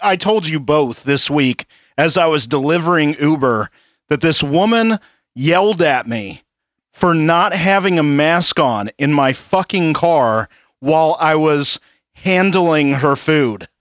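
A man on a casual podcast, telling a story slowly and with swearing. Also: a little high, animated, a bit bright, no echo, studio quality. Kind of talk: casual profane chat.

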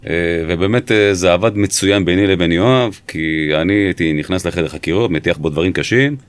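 Man, former police interrogator, low voice, measured and emphatic, dry close sound. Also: no room sound.

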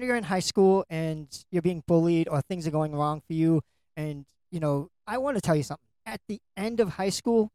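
A man's voice: fairly high pitch, warm tone, no echo. A man co-hosting a podcast, chatting casually about a film and giving earnest, encouraging advice, with stammered restarts. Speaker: podcast co-host. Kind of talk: casual movie review chat.

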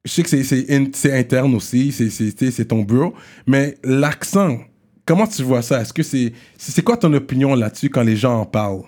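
A man's voice: medium pitch, lively intonation, normal speed, darkish tone. A man from Quebec with a Québécois accent, interviewing in a casual, slightly hesitant way. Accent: Québécois French. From Quebec, Canada. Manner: conversational, hesitant questioning.

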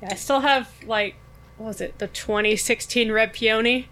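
A woman's voice: on the high side, normal speed. A woman guest in a casual, colloquial chat, peppering her sentences with filler words. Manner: colloquial, frequent 'like'. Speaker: podcast guest. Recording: clear steady background noise.

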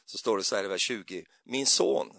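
A man's voice: low-pitched, pushed and bright, dry recording, studio quality. A man giving a loose, chatty sermon in a church, rambling and hesitant with many fillers and little jokes. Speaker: preacher. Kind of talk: conversational sermon.

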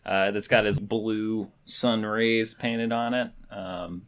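A man's voice: lowish voice, fairly even intonation, takes it slowly, fairly bright tone, smooth. A man co-hosting a casual podcast chat who talks in a laid-back, agreeable way. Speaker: podcast co-host.

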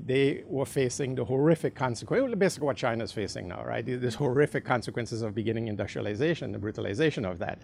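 A man from the Caribbean speaks up from the audience with a gravelly voice. He asks a long question hesitantly, filling pauses and checking in with "right?". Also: medium pitch. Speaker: audience member asking a question.

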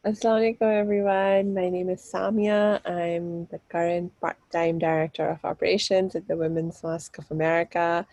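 Casting: upbeat woman coach, slightly low voice, dry sound. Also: flat delivery, brisk, hardly any pauses, darkish tone, no room sound. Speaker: operations director, happiness coach. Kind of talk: brief self-introduction.

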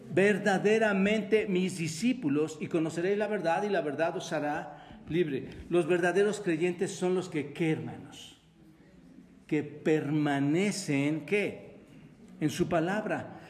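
A male pastor with a Mexican Spanish accent preaching a sermon, often asking the congregation questions for them to answer. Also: a little high. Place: church hall. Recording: echoey church hall with long reverb.

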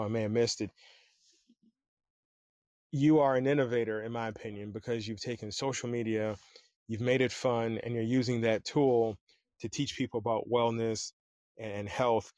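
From a studio-quality Chicago-area podcast setup with no echo, a male host with a medium-pitched, slightly mellow voice delivers a punchy, upbeat scripted intro. Afterward he loosens up, asking chatty interview questions.

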